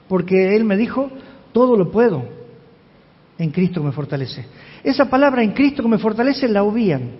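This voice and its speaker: A man, a pastor giving an expository sermon and emphatically asking the congregation questions. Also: very high voice. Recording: reverberant hall, dull lo-fi sound.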